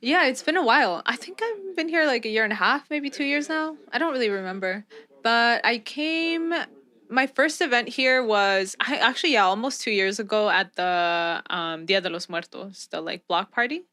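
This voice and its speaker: A woman's voice: a little high, normal speed, pushed and bright. A young woman in her twenties from Southern California and Mexico, chatting easily as an interview guest and filling her talk with "like" and "um". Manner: easygoing, frequent "like" and "um" fillers, laughs often. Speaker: guest, volunteer. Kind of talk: casual interview chat.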